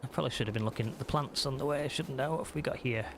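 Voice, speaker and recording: A man's voice: medium pitch, rapid-fire, noisy background. A man chatting casually through a live gameplay stream, self-deprecating and talking to his viewers.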